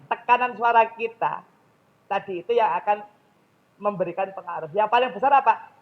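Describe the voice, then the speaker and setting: A man's voice: sits high, moderate pace, lo-fi sound. A man with a Javanese accent giving a public speaking lecture in a mosque, often questioning his audience directly.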